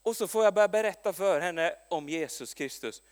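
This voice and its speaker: A man preaching a sermon with a notably high voice, telling stories in a lively way and often restarting his sentences. His words ring with the long reverb of a large hall. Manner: lively storytelling with frequent restarts and stumbles.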